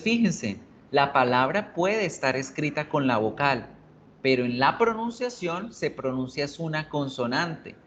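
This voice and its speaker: A man's voice: a little high, dull audio, slight background noise. A male English teacher explaining in a video lesson, patiently repeating words to drill pronunciation.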